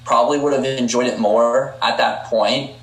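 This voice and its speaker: A young man co-judging on a podcast over a video call, chatting casually with quick, easygoing agreement. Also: mid-range voice, steady tone. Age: young adult. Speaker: podcast co-judge. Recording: roomy video-call audio with faint hum.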